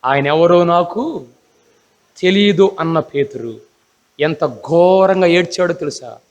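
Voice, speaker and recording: A man's voice: fairly high pitch, slow pace, long reverb tail. A man preaching a Bible class sermon, emphatic, often asking the congregation rhetorical questions.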